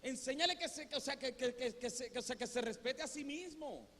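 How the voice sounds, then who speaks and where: A pastor preaching a lively, conversational sermon, full of rhetorical questions. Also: male voice, very high-pitched, brisk, long reverb tail, slight background noise. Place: church sanctuary.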